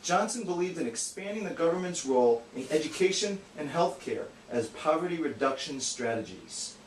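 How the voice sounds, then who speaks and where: Here a man's voice sits on the high side, lively in intonation and moderate in pace. He delivers an earnest, matter-of-fact scripted educational explanation as a puppet show's straight man, recorded with echo, distance, and faint noise.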